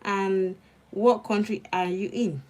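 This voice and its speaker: Taking it slowly, she speaks in a mid-range, slightly mellow voice with fairly even intonation. This young adult Nigerian law student, Nigerian-accented, murmurs her notes and chats with viewers during a casual study livestream.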